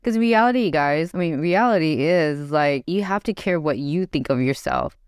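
A woman's voice: deep voice, lively intonation, normal speed, clean tone, no room sound, clean studio sound. A woman hosting a business podcast, talking with a guest in an encouraging, coaching way. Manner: encouraging, coaching tone, fillers like "you know". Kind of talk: casual podcast interview.

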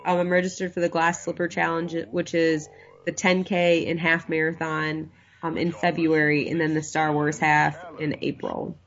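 A woman's voice: low voice, completely flat delivery, normal speed. A woman with a nasal, congested voice from a cold, chatting casually as a podcast co-host and laughing often. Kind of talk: casual chat. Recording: dull lo-fi audio.

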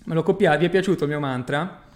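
Male coach on a casual livestream, a touch higher-pitched than most men, blunt and emphatic, swears freely, keeps checking the listener follows. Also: fast, a little mellow. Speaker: personal growth coach. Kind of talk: casual livestream talk reading viewer comments.

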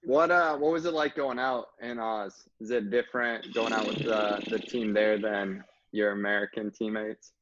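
Podcast host guy, low voice, curious questions, lo-fi sound. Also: steady tone, normal speed, hardly any pauses, a bit bright, slight background noise. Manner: curious, asks follow-ups. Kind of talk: casual interview questions. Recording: dull lo-fi recording.

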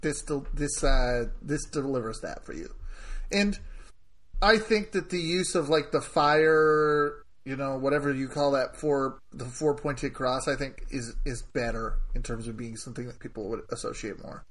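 A man's voice: medium pitch, moderate pace. A man co-hosting a casual soccer podcast, hesitant and searching for words with many fillers. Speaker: podcast co-host. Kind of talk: casual sports chat.

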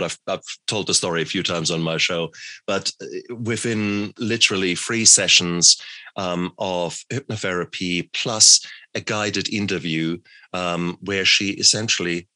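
A man hosts an interview show in a casual, rambling way, often restarting his thoughts. His voice sits very low yet carries a sharp, forceful edge. The sound is close and dry. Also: dry recording. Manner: frequent restarts and fillers. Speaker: podcast host.

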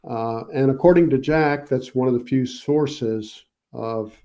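Mellow-voiced man explaining with many pauses. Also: medium pitch. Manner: hesitant, many fillers, explains patiently. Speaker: guest researcher. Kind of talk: casual interview.

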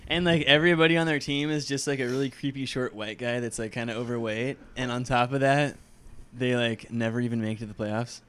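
A man's voice: mid-range voice, fairly even intonation, fairly quick, fairly bright tone, clear, resonant tone. A young man co-hosting a casual podcast, joking loosely and laughing often. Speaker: podcast co-host. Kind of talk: casual chat.

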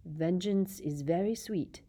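A woman's voice: fairly low pitch, moderate pace, warm tone, close to an everyday voice. A woman reading aloud and voicing a cold, bitter middle-aged male teacher with a silky, sneering manner in a storybook. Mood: menacing. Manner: sneering, silky, rising to shrieks.

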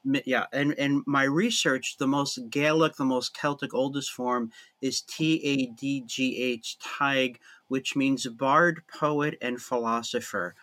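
A man, a priest and author, answering interview questions with animated wit. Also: medium pitch, measured pace, few pauses. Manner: animated, witty, storytelling. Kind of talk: conversational interview.

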